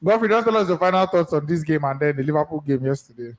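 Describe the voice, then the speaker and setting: A man's voice: a little high, animated, fast talker. A man with a Nigerian accent casually hosting a call-in show, often repeating words and phrases. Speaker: host.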